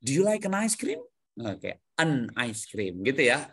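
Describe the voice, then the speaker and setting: A man's voice: medium pitch, sing-song, a little slow, a bit bright, husky. A man teaching an English grammar lesson to adult learners over a video call, coaxing answers, repeating them back and mixing English words into his explanations. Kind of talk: online class teaching.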